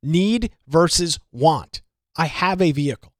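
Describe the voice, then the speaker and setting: A man's voice: a little high, lively intonation, measured pace, dry recording, clean studio sound. A man hosting solo local political commentary, sarcastic and emphatic, repeating his points for effect.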